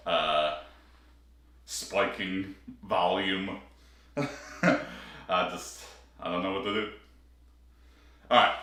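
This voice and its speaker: A man's voice: low voice, bright, forceful tone. A man in a big echoey room, talking casually through a workout and coaching himself as he counts his reps on a clip-on mic. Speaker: fitness streamer. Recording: echoey room, heard from a distance.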